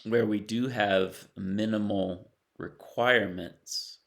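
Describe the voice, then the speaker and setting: A middle-aged man and spiritual teacher giving a slow, measured reflective talk with long pauses between phrases. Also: fairly low pitch, steady tone, gravelly, fairly bright tone.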